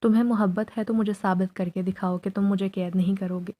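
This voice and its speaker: A woman's voice: medium pitch, fairly even intonation, warm tone, natural voice. A woman voicing a frightened young woman facing a jinn in a spoken horror story. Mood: fearful.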